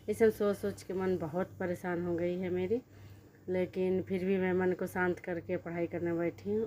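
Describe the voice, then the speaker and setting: Young woman, Bihari Hindi accent, casual study-vlog talk; low, level delivery, earnest and self-correcting, faint hiss behind. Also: a little mellow. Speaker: vlogger studying for a teacher exam.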